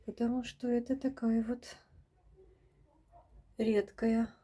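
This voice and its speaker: A woman showing her houseplants in a casual vlog at home, speaking softly and often dropping to a whisper as she talks to her viewers. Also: fairly high pitch, flat delivery, slow pace, breathy edge. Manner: soft-spoken, often drops to a whisper, addresses viewers as girls. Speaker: plant vlogger. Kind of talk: casual plant-collection vlog. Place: home among houseplants, indoors.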